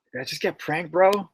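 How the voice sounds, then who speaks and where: High-pitched, with a little hiss or hum in the audio, this young adult streamer reads out viewers' horror stories and then banters loosely with his audience in heavy slang, calling them bro and dude.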